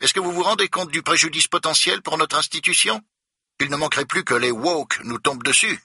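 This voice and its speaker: A man's voice: on the high side, fairly quick, sharp tone, slightly rough, dry recording, studio quality, pitched above the performer's own voice, full character voice. A man voicing a curt, irritated male museum director on the phone, speaking in a clipped, pinched way. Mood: indignant.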